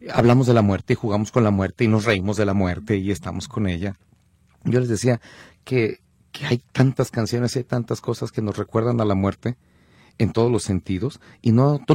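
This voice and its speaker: Mexican guy on a radio show, low husky voice, dry close mic, talks in loops and restarts. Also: warm tone, no room sound. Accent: Mexican Spanish. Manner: rambling, thoughtful, restarts often. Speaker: musician and theater director guest. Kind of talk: casual radio chat.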